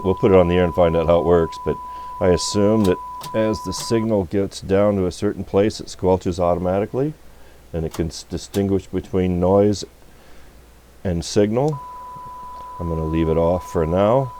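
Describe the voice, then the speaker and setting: At an electronics repair workbench, a man presents a radio repair, thinking aloud through an unscripted, hands-on product demo. His voice is low and his pace moderate, and the noisy recording carries an electrical hum.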